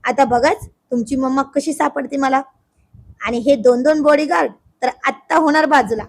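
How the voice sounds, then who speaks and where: A woman's voice: high-pitched, moderate pace. A woman voicing a proud young husband who pleads with and teases his sulking wife, in a storybook reading. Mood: teasing. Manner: pleading then mock-stern, playful.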